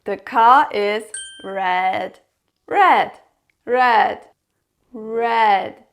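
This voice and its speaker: Very slow, lively woman teaching toddlers. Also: a little high. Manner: sing-song, repeats words slowly for children to copy; exaggerated, encouraging questions. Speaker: presenter of a toddler learning show.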